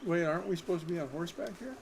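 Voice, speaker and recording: A man's voice: high voice, racing, gravelly, a little hiss or hum. A man chatting casually as a gaming co-commentator. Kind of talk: casual gameplay chat.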